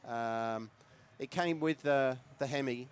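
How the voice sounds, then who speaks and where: A man's voice: mid-range voice, takes it slowly. A man from southern England with an English accent, chatting casually as a guest in an interview. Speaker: guest, classic truck owner. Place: on location at a car show. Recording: noisy live event ambience. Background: clear ambient noise of the event.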